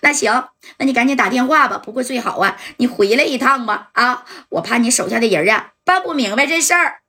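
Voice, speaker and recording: A tearful, demanding young woman voiced by a woman raising her pitch, whining and pleading. She speaks in a bright, husky voice. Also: animated, fairly quick, heavily acted. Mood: whiny. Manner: whiny, pleading.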